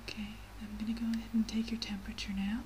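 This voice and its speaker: A woman in a soft, breathy whispered role-play as a medical examiner, giving gentle, reassuring instructions. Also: mid-range voice, little pitch movement, fast. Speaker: ASMR performer playing a medical examiner. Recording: clearly audible background noise.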